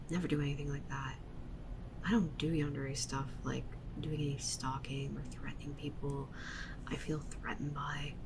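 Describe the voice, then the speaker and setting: A woman voices a clingy, possessive yandere witch streamer in an ASMR roleplay, pleading intimately with the listener and often dropping into breathy whispers. Her voice sits low, with background noise behind it, and she sounds defensive and exasperated.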